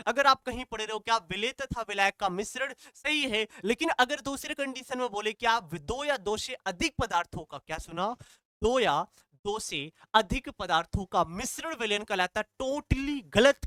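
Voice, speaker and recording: A man's voice: extremely high pitch, sharp tone, clean tone, dry recording. A man teaching a chemistry class, repeating each point and quizzing his students questions that he answers himself. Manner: repetitive call-and-response questioning. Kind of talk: classroom lecture.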